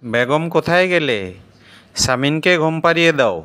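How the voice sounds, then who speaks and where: A man voicing a calm, caring father in a children's cartoon, reassuring and guiding his son. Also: fairly high pitch, moderate pace, lightly acted.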